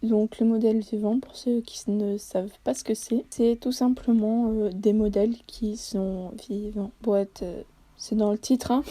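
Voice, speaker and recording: A woman's voice: on the high side, warm tone. A woman vlogger talking casually over a study-with-me video, self-deprecating and hesitant, with many fillers.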